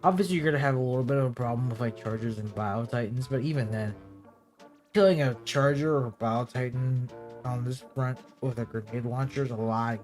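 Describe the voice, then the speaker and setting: A man's voice: medium pitch, darkish tone. A young man in his twenties with hiccups, giving rambling, profane, casual commentary over his gameplay, full of fillers. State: has hiccups. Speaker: gaming video creator.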